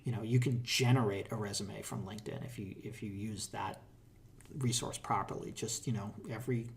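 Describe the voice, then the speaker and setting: Lowish and gravelly, this middle-aged Boston-accented man speaks fairly quickly. As a tech hiring manager in a laid-back interview, he offers advice filled with fillers and false starts.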